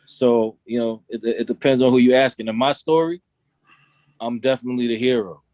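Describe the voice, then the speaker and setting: In casual interview talk, a young Long Island rapper speaks loosely and keeps dropping "you know what I'm saying." He has a medium-pitched, darkish voice with a steady tone and brisk pace, recorded dry.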